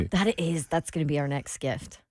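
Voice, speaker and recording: A woman's voice: sits low, big pitch swings, a little slow, darkish tone, dry recording. A woman co-hosting a sports talk radio show, bantering casually in a dry, teasing way.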